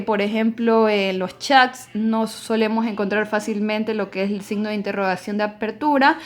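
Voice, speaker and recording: A woman teacher giving a recorded online class, explaining rules in an emphatic, explanatory way. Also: fairly high pitch.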